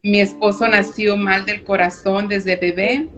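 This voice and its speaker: A woman's voice: mid-range voice, fairly even intonation, measured pace. A woman giving a personal faith testimony as a radio guest, hesitant and with frequent filler words. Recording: muffled radio recording with background noise.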